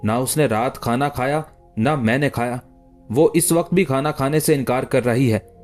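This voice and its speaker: A man's voice: medium pitch, normal speed, darkish tone, faint music behind, close to an everyday voice. A man reading the lines of an earnest young woman confiding a secret in an audiobook story. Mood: urgent.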